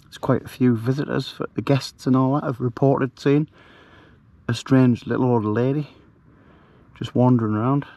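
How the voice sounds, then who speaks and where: Hushed man telling a ghost story. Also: mid-range voice, fairly even intonation, normal speed, no echo. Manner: hushed, rambling, with many fillers. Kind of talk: casual storytelling to camera. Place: outdoors at night, camping.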